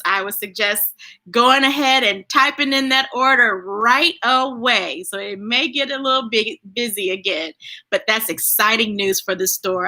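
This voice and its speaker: A woman with a fairly high, sharp-toned voice hosts children's storytime, reading picture books aloud and chatting informally with viewers in an enthusiastic, folksy manner.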